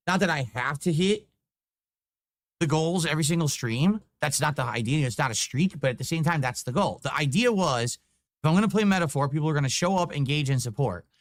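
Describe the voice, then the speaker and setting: A young man streaming live, chatting casually and getting frustrated and swearing while fixing his stream software. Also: a little high, no room sound, studio quality. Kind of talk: casual livestream chat.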